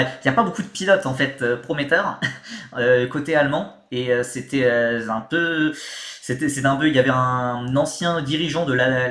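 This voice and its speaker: A man's voice: mid-range voice, fairly bright tone, roomy sound. A man chatting casually on a live stream, rambling with lots of fillers and thanking viewers mid-sentence. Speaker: motorsport streamer.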